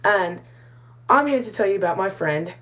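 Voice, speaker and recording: A comic storyteller from Kansas in the United States, this woman delivers a rambling, mock-serious monologue in a put-on British-Australian accent. Her medium-pitched voice is expressive and a bit bright, at normal speed.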